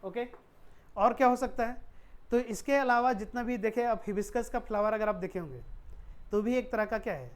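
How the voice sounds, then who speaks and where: A female science teacher with a fairly high voice and moderate pace runs a chemistry lesson built on rhetorical questions she answers herself, sprinkled with English technical vocabulary.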